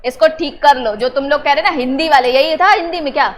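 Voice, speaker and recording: A woman teacher drilling a class on family words, teasing and prodding students to answer loudly. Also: sits high, a little fast, slight background noise. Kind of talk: classroom lesson.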